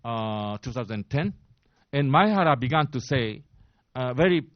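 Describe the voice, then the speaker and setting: A man's voice: mid-range voice, expressive, no echo. A man in his sixties with a Japanese accent gives a press briefing in English. He stops and restarts often and then presses his points hard. The sound is dry and a bit dull. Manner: halting, many fillers and restarts, grows emphatic. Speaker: press briefer, former diplomat.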